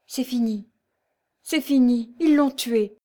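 A woman's voice: on the high side, takes it slowly, dark tone, pitched above the performer's own voice. A woman reader voicing a fearful, insistent young woman in a period storybook. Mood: shaken. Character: anxious young woman, the devil's daughter.

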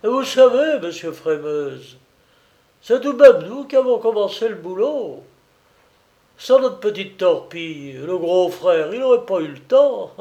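A man voicing a gruff, pious old male sailor in an audiobook, talking in loud, rough exclamations. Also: high voice, expressive, a little slow, dull audio, voice pushed up. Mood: fierce, excited.

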